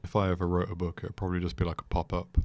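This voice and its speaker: A young British man chatting as a podcast guest, dry and joking in a deadpan way. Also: deep voice, racing, dry recording. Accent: British English. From Britain. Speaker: podcast guest, creative director. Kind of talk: casual chat.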